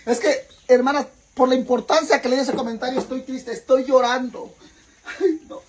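A man's voice: very high-pitched, steady tone, brisk, a little mellow, a little hiss or hum, low-quality recording. A man doing a casual vlog rant to his followers, theatrical and profane, eating while he talks. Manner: theatrical, profane, mock-indignant, keeps calling viewers "sisters"; eating on camera while talking. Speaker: vlogger.

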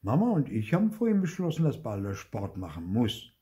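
A man's voice: mid-range voice, huge pitch swings, a little fast, mellow, voice pushed up. An older man voicing a playful father who teases his son with mock regret. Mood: teasing.

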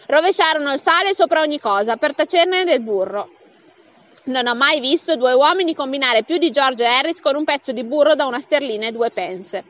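A woman reading a comic novel aloud as an audiobook, bringing the dialogue to life with raised pitch. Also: a bit bright, muffled recording. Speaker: audiobook reader.

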